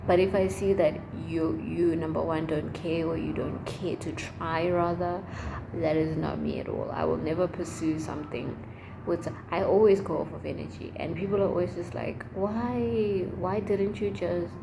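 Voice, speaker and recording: A young woman with a slightly low voice talks in a casual, chatty vlog style. She rambles expressively and leans hard on her slangy phrases. There is clear background noise around her. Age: young adult. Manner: emphatic, slangy. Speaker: vlogger. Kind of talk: casual chat to camera.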